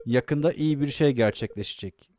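A man's voice: medium pitch, moderate pace, darkish tone, no room sound, clean studio sound. A man casually commenting on a farming game as he plays, reading the game's dialogue aloud and laughing often. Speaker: gameplay streamer. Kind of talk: casual let's-play commentary. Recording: faint game music behind.

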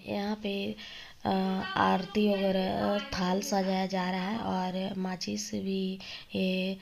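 A woman vlogger, hoarse from a cold, explaining a wedding's rituals to viewers in a casual vlog. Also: medium pitch, darkish tone, a little hiss or hum. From Jharkhand, India.

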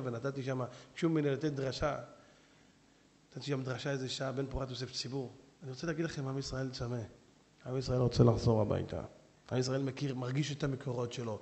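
A man's voice: mid-range voice, gravelly, in a large hall. A man preaching a storytelling sermon, speaking directly to his listeners. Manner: animated storyteller, addresses the crowd directly. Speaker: rabbi and preacher. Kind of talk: sermon with stories.

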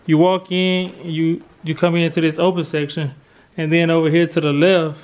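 Filming a relaxed house tour on a handheld camera held at arm's length, this American family vlogger in his thirties chats informally at a normal speed. His slightly high voice has little pitch movement, and background noise is clearly audible.

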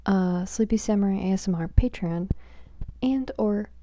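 A woman chatting softly for ASMR on a small close microphone, rambling, whispery and giggly. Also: mid-range voice, moderate pace, slight background noise. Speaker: ASMR creator. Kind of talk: soft-spoken ASMR chatting.

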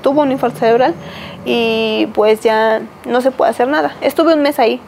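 A Mexican woman in her thirties, a podcast guest giving a personal testimony, talking haltingly with many fillers and restarts. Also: on the high side, vocal fry, darkish tone, slight background noise, rough recording. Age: 30s.

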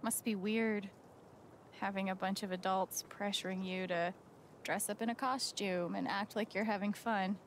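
A woman voicing a kind, reassuring young woman in a video game, gentle and casual in a naturalistic style. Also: medium pitch, steady tone, normal speed, slight background noise, lightly acted.

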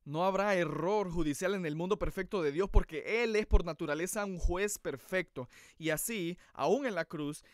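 A man's voice: high voice, no room sound, clean studio sound. A man preaching a sermon in an earnest, emphatic way.

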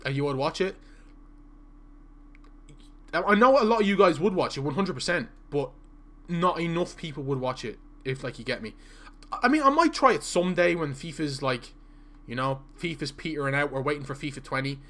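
A young Irish streamer chats casually to his viewers while playing, reading out their messages and stuttering at times, in a small indoor room. His voice is on the high side, pushed and bright, with lively intonation, a slightly fast pace and frequent pauses.

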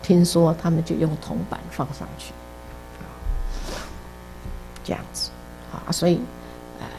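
A woman's voice: lowish voice, flat delivery, measured pace, background noise. A middle-aged woman from Taiwan, teaching a casual Buddhist class in a chatty storytelling way, full of interjections. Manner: chatty storytelling, many interjections, laughs at own jokes. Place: basement classroom.

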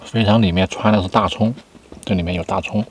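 Low-voiced man chatting as he eats. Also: fairly even intonation, brisk, noisy background. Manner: talking between bites while eating. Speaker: vlogger eating on camera. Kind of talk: casual mukbang chat. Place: inside a parked car.

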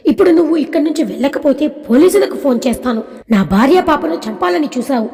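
A woman's voice: high-pitched, animated, fast, dark tone. A woman voicing a stern, protective husband and father who scolds firmly. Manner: scolding, firm. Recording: long reverb.

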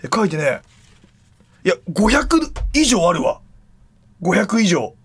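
A man streaming live, chatting casually in rough slang with loud exclamations while he handles and examines an object. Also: high voice, sing-song, unhurried.

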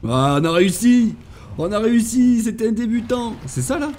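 A man's voice: very high-pitched, moderate pace, darkish tone, a little hiss or hum. A man hosting a gaming channel, chatting casually and thinking aloud as he plays, with jokey asides. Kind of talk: casual let's-play commentary.

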